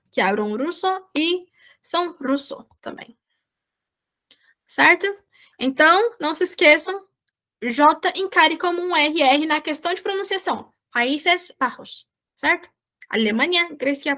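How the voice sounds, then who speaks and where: A woman's voice: high voice, animated, unhurried, bright, forceful tone. A Brazilian woman, a volunteer teacher, giving an online Spanish lesson and checking in often with her students. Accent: Brazilian Portuguese. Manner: explains patiently, checks in with "certo?". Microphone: video call.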